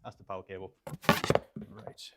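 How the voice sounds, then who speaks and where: The recording is very noisy, with a young adult man talking at a moderate pace as he builds a PC live. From Poland and raised in England, he hosts gaming PC build streams from a small studio room with shelves, chatting casually, rambling with fillers, and reading out chat.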